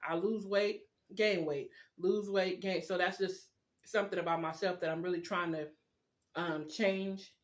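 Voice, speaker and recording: A video blogger chats informally and confidingly with viewers while eating mukbang style, rambling and talking with food in the mouth. The voice is mid-range and steady, at a measured pace.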